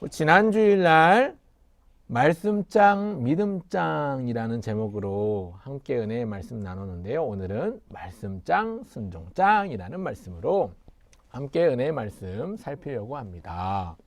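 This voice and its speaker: Lively male children's preacher. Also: medium pitch, a little slow, no echo. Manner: lively call-and-response with children. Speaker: pastor. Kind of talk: children's sermon.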